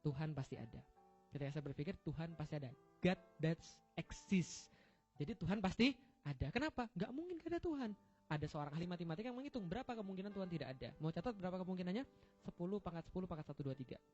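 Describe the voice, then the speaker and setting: A man's voice: high voice, expressive, rapid-fire, dark tone. A man giving a humorous religious lecture to an audience, joking and quizzing them with rhetorical questions as he walks through slides. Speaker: preacher. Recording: dull lo-fi recording with faint music.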